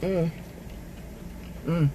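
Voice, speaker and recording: A man's voice: very slow, dark tone, slight background noise, low-quality recording. A man vlogging a meal, chewing food as he talks and humming between bites. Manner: talks between bites, many appreciative hums. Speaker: mukbang vlogger. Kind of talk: casual food vlog. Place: inside a car. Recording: faint car ambience.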